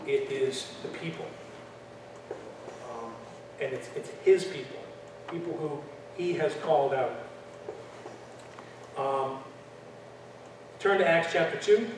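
A man's voice: a little high, slow pace, long pauses. A man teaching a church class in a conversational lecture style, with frequent fillers and restarts. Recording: echoey room from far off, faint noise.

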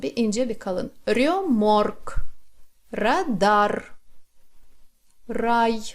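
A woman teaching a pronunciation lesson, saying each word slowly and repeating it for the learner. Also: medium pitch, darkish tone. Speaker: Russian language teacher.

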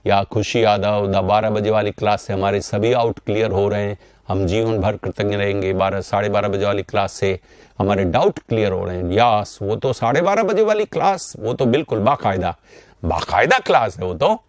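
A man's voice: on the low side, normal speed, dry recording. A middle-aged man teaching Hindi grammar in a live online class, greeting students by name and explaining through repeated examples.

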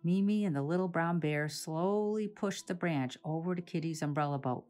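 Calm woman reading a children's story. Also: low voice, faint music behind. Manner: slow, calm, deliberate storytelling. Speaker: author reading her book. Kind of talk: slow storybook read-aloud for children.

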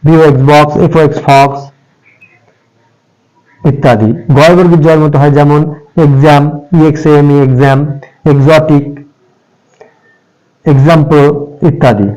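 A man's voice: a little high, fairly even intonation, moderate pace, long pauses, a little mellow, rough recording. A man teaching English pronunciation to children, patiently repeating and spelling out each example word. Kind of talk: step-by-step spoken lesson for children.

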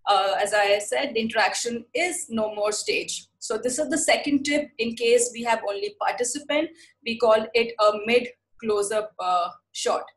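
Fast-talking woman presenting a webinar. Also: a little high, low-quality recording. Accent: Indian English. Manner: fast-paced explanatory talk with many fillers. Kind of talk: online lecture. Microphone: video call.

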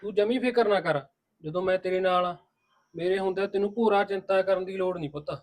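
A high-pitched, steady-toned man talks fast while acting as a protective older father-in-law in a village family drama. Reassuring his daughter-in-law while scolding his son, he keeps a comforting mood.

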